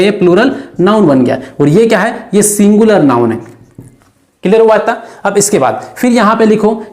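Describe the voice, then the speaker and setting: A male teacher giving an exam-prep grammar lesson, repeatedly asking and answering his own questions. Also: sits high. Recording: echoey room.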